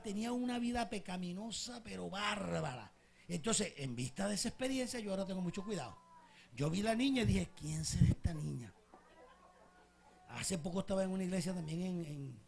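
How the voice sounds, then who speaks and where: A man's voice: high voice, gravelly, darkish tone. A male pastor preaching a sermon with passion, telling stories to his congregation. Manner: impassioned storytelling preacher.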